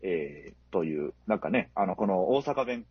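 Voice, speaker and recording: A man's voice: low voice, expressive, normal speed, husky, no echo, dull audio. A man talking casually about a film as a podcast co-host, hesitant and full of fillers.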